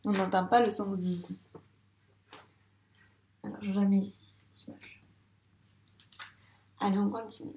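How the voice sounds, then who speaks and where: A first-grade teacher leads young children through a phonics lesson, slowly and deliberately drawing out each sound and syllable with patient clarity. Her mid-range voice has a dark tone and fairly even intonation, and it rings in an echoey room.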